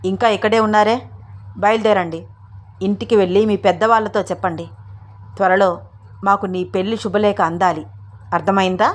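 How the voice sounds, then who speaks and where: A woman's voice: medium pitch, steady tone, normal speed, pauses often, natural voice. A stern, grieving older mother who speaks with firm command, as a woman narrator puts her on. Her tone is grave and leaves no room for argument. This is a storybook reading.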